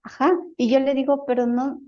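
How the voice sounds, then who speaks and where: A woman's voice: sits high, level tone, normal speed, a little mellow, dull audio. A woman in an interview, telling a personal experience in a casual, hesitant way and repeating words as she searches for them. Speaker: guest recounting a healing experience.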